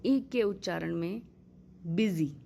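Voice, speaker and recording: A woman teaching English vowel sounds in a patient lesson, spelling out example words slowly. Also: on the low side, darkish tone, slight background noise. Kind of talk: Hindi-language pronunciation lesson.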